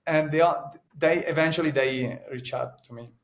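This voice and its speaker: An Italian actor and painter in his thirties, guesting on an interview, speaks English with an Italian accent in a somewhat high voice at a moderate pace. Earnest and reflective, he searches for words, restarts sentences frequently, and tags lines with "no?".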